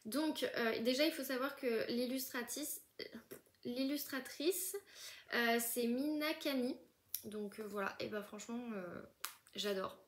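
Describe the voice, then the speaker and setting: A woman's voice: on the high side, unhurried. A young woman chatting casually through an unboxing, gushing often and full of fillers and restarts. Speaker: book vlogger.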